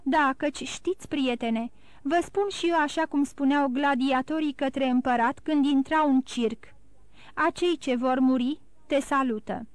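A woman reading an audiobook, voicing a gentle but resolute young man in despair, earnest and bitter. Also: high-pitched, dry recording, natural voice.

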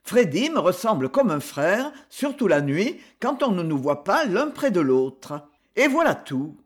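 Brief: a reader playing a calm, commanding gentleman, crisp and ironic, with a lively voice. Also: medium pitch, measured pace. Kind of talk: audiobook character voice.

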